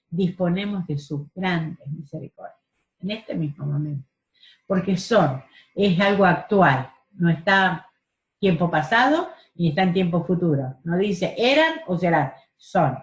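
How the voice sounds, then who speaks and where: A woman's voice: on the low side, reverberant. A woman teaching a Bible study class over a video call, earnest, stressing key words and asking rhetorical questions.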